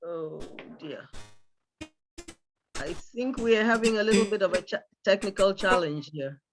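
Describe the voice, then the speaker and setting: A high-pitched man hosting an online town hall on a video call. He handles technical hiccups calmly and briskly, inviting the next person to speak. Faint music sits underneath his voice. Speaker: moderator.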